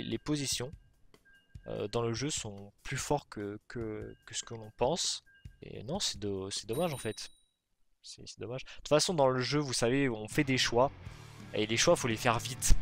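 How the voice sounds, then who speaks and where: A man talks through his own match as he plays it, bursting into yelps at close calls before easing back into chatty play-by-play. His voice sits at an ordinary middle pitch, close on a gaming mic. Faint music runs behind him. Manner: excitable, shouts at plays then talks himself down. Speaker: gaming video host. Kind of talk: live gameplay commentary. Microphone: headset or desk mic.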